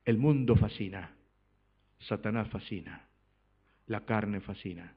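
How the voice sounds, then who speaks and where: A man preaching a sermon in church, swinging between loud exhortation and soft asides and asking the congregation rhetorical questions. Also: fairly low pitch, slow, creaky, breathy edge. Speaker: pastor. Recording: dull lo-fi recording.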